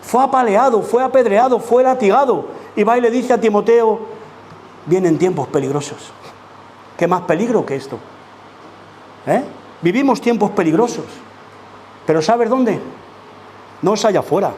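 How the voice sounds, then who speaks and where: A man's voice: high voice, expressive, moderate pace, long pauses, a little mellow, a little hiss or hum. A man from preaching a sermon as pastor, emphatic and full of rhetorical questions to the congregation. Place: church.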